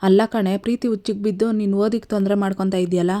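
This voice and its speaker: Woman as stern, caring young female friend, flat delivery. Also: mid-range voice, quick pace, natural voice. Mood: scolding. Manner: scolding, then consoling.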